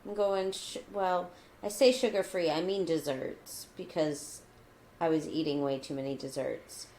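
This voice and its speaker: Chatty woman with a low voice. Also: steady tone, measured pace, a little mellow, a little hiss or hum. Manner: chatty, rambling with many likes; mock newscaster voice in her cat segment. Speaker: podcast co-host. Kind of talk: casual chat.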